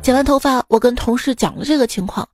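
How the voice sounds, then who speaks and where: A woman radio host with a slightly hoarse voice, telling jokes in a playful, dry, self-mocking way. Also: high voice, fast talker, darkish tone, soft background music. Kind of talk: casual comedic joke telling.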